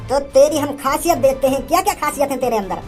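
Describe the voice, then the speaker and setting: A woman's voice: high-pitched, fast talker, a little mellow, faint music behind, lightly acted. A woman playing a stern, short-tempered village father. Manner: mocking then threatening, rustic speech.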